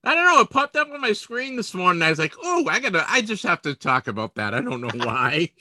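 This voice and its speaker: Bright-voiced rambling podcast host man. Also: sits high, very animated, quick pace, no room sound. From Boston area, US. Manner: rambling, self-deprecating, trips over words. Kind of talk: casual podcast chat.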